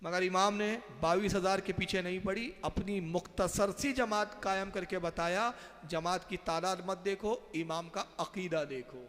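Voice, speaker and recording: A man's voice: sits high, unhurried, a bit bright, long reverb tail. A man who is an Islamic scholar, giving an emphatic religious lecture and answering questions from listeners. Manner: emphatic, rising to stressed points and answering audience questions.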